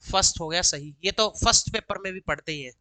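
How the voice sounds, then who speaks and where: A woman teacher walks through exam answers. She reads each question in slow, careful English, then explains it briskly in Hindi. Her voice is bright and crisp, recorded close and dry. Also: lowish voice, no echo, low-quality recording. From Haryana, India. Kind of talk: exam solution lesson, reading questions aloud then explaining.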